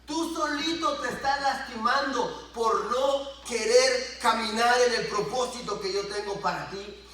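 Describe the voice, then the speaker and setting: High-voiced preaching man in an echoey church. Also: measured pace. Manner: animated preaching, acting out dialogue with rising and falling voice. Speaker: pastor. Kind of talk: sermon. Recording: echoey church room, distant mic.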